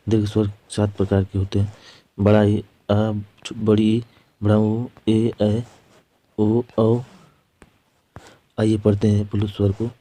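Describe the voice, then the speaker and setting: A man teaching a Hindi grammar lesson, reciting letters and definitions in a slow, methodical way. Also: lowish voice, warm tone.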